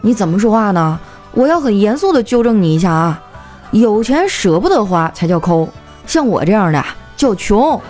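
A woman's voice: mid-range voice, sing-song, normal speed, darkish tone, faint music behind, natural voice. A woman voicing a young man, a stingy boyfriend who answers with dry jokes. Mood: wry.

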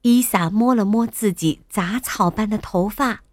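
A woman tells small children a bedtime story gently and in a sing-song way, sometimes dropping to a whisper. Her voice is medium in pitch at a measured pace, with no room sound.

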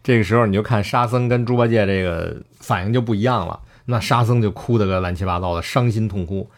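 A man's voice: lowish voice, quick pace. A man casually retelling a classic story, acting out the characters' lines and laughing often.

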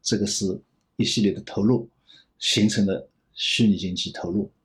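一位男性银行业专家在访谈中回答问题，说话边想边讲，常重复词句。. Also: male voice, lowish voice, steady tone, normal speed. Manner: rambling, repeats phrases while reasoning aloud. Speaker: banking expert guest. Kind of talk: thoughtful interview answers.

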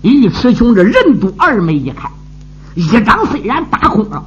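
A male traditional storyteller with a dramatic delivery and a very animated pitch. The sound is dull and lo-fi, and instrumental music is clearly audible behind him. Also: normal speed. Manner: lively, dramatic.

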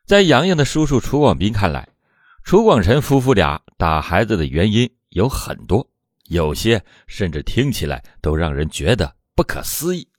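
A man's voice: on the low side, sing-song, normal speed, no room sound, studio quality. A man hosting a true crime storytelling show, narrating a court case from a script with dramatic emphasis at the start of phrases.

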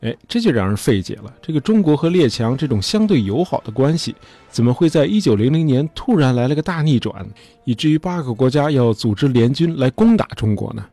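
A man's voice: medium pitch, animated, fairly quick, mellow, no echo, faint music behind. A man hosting a history show, telling events in a chatty, casual way with many fillers.

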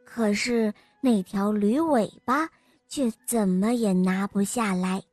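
A woman host reading a fairy tale for children in a gentle, clear, unhurried way. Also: medium pitch, no room sound, faint music behind. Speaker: storyteller host.

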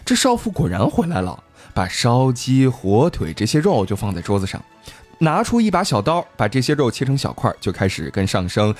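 A man's voice: medium pitch, wildly swooping pitch, fairly quick, soft background music. Playful male storyteller. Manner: playful, joking asides. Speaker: storytelling podcast host. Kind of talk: casual storytelling with banter.

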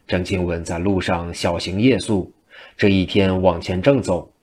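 A man with a very low, deep voice narrates a traditional tale. His telling is brisk and rhythmic, moving the story along steadily. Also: a little mellow.

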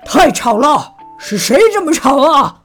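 A woman voicing a gruff, blustering father bear in a children's picture-book story. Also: on the low side, expressive, faint music behind, voice pushed down. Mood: irritated, blustering. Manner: loud, blustering, deliberate.

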